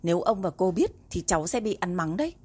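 A woman narrator voicing a cheeky young female student who coaxes and flatters in an audiobook. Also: lowish voice, fast talker, husky. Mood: awkward. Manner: wheedling, playful.

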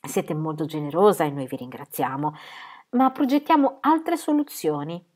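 A determined young woman speaking firmly, a touch higher than plain narration, voiced by a woman reader. Earnest and resolute, the eldest of several sisters in a spoken novel. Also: expressive, brisk, a little mellow, natural voice. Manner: firm and earnest. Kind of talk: audiobook reading.

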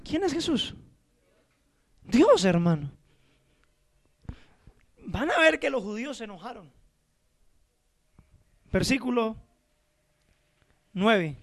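Male pastor, very high voice with grit, emphatic sermon delivery full of rhetorical questions. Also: lively intonation, slow pace, pauses often, a bit bright. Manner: emphatic preaching with rhetorical questions, addressing listeners as brother.

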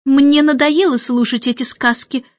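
A woman voicing a stern, sniffy nanny who gives sharp commands, in an audiobook. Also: sits high, fairly even intonation, moderate pace, dry recording, lo-fi sound, voice pushed up, lightly acted.

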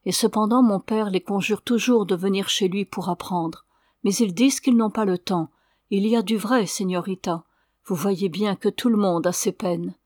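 A woman's voice: medium pitch, normal speed, darkish tone, no echo, studio quality, natural voice. A woman reading the lines of an earnest, sorrowful young Indian man in an audiobook.

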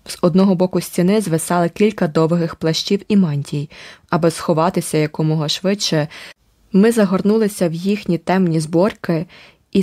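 A woman narrating an adventure audiobook in a steady, vivid storytelling manner. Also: on the low side, dry recording, clean studio sound. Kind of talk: scripted narration.

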